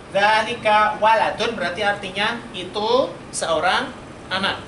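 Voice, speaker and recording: High-voiced man teaching Arabic. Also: measured pace, bright, forceful tone. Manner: quizzing students, call and response. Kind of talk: classroom lesson. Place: mosque study room. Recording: roomy hall, noisy room recording.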